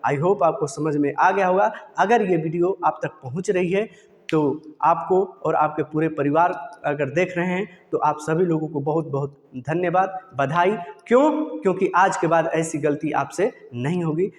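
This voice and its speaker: High-voiced man teaching in echoey room. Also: moderate pace. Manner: repetitive drilling, rhetorical questions. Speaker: English pronunciation teacher. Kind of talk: classroom-style lesson. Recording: echoey room with long reverb.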